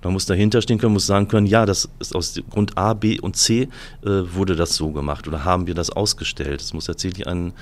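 Museum guy answering questions, really low voice, lots of uh's. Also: steady tone, quick pace. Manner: hesitant, many fillers. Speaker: museum director. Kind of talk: interview answers.

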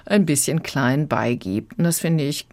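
Low-voiced lady chatting about a kids book, dry studio sound. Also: unhurried, a little mellow, no echo. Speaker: book critic. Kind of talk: radio book review.

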